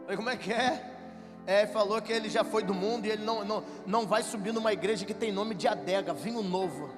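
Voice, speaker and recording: A Brazilian man, a pastor, telling jokey stories in a sermon that builds to shouted preaching in a church. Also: sits high, fast. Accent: Brazilian Portuguese. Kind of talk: sermon with storytelling. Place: church hall. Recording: reverberant church hall with music.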